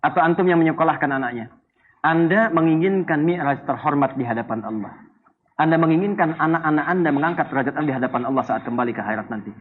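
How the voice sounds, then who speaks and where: A man from Indonesia preaching a sermon, animated and playful, swinging between loud and soft. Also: fairly high pitch, quick pace. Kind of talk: Islamic sermon. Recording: dull lo-fi sound.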